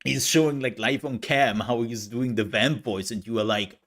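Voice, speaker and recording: A man's voice: mid-range voice, normal speed, fairly bright tone. A man streaming a farming game live, chatting casually and telling a rambling story with laughs.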